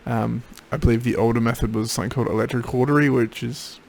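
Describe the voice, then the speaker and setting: A man records a casual diary while recovering from throat surgery. His mid-pitched voice is gravelly with fry. He sounds tired and drowsy, with little energy in his delivery. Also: fairly even intonation, fast talker, darkish tone. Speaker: patient keeping a recovery video diary. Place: home office.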